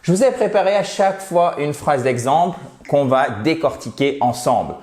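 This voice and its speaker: A man explaining English irregular verbs in a patient lesson, slowly repeating example sentences. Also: a little high, animated, darkish tone, echoey room. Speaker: English teacher. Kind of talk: French-language English grammar lesson.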